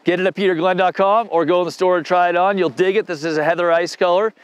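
A man in his forties with a slightly high voice reviews ski gear in a relaxed, slangy ramble. He stands outdoors on a snowy ski slope, recorded on a lapel mic. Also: fast, clean tone, no echo. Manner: laid-back, slangy, rambling. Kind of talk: casual product review.

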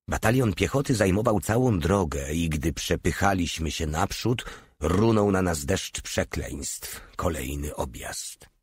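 A man narrating an audiobook in a steady, measured reading. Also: low voice, breathy edge, no room sound.

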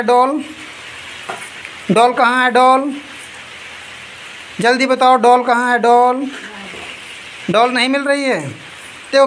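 High-voiced woman calling out a kids' game. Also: fairly bright tone, slight background noise. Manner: repeats item names rapidly to urge the children on; scolds and laughs between rounds. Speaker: host running a toy-finding game for two children. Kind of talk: lively play-by-play commentary for kids.

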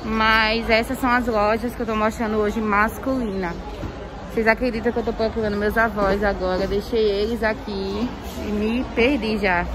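A woman touring a clothing market on her phone camera, talking through a face mask and pointing things out to viewers. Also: mid-range voice. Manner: chatty, keeps saying "ó" and "olha só" to viewers. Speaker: shopping vlogger. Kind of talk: casual market tour vlog. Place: busy indoor clothing market. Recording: crowded market noise behind.

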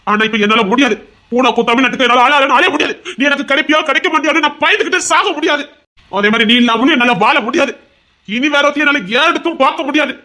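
A man's voice: extremely high pitch, very fast, sharp tone. A man playing a desperate young heart doctor. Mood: insistent. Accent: Tirunelveli Tamil. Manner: pleading, insistent, turning threatening. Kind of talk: audio drama acting.

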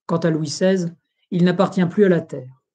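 Narrator: solemn audiobook reader of an old history book, mellow, steady. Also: medium pitch, moderate pace. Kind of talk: reading a history book aloud.

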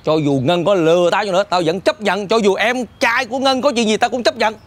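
An actor playing a gruff, lovesick restaurant owner who talks in a blunt, stubborn way. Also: male voice, high voice, lively intonation, fast talker, fairly bright tone. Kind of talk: comedy sketch acting.

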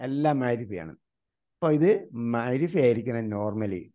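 Man from India teaching grammar online, mellow voice, keeps quizzing students and spells terms out slowly. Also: mid-range voice, expressive. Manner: quizzes students with repeated questions.

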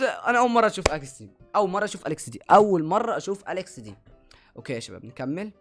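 A man's voice: high voice, fairly bright tone. A young man with an Egyptian Arabic accent hosting a reaction video, talking eagerly and exclaiming as he keeps calling out to his viewers. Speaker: YouTube reaction host. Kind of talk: excited reaction commentary.

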